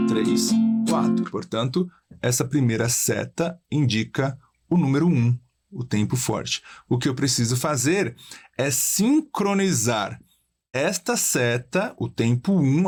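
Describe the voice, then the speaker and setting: A male music teacher explains a guitar and singing lesson step by step, counting beats aloud. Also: fairly high pitch.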